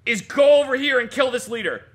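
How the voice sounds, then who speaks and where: Male performer as excitable general, high bright voice, blustering, repetitive orders, improvised puppet comedy. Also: a little fast. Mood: agitated. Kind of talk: improvised comic sock puppet skit.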